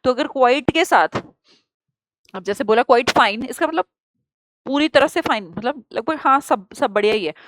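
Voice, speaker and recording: A woman with an Indian accent teaching an exam-prep grammar lesson, explaining lively and asking her students rhetorical questions. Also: high-pitched, moderate pace, pauses often, dry recording.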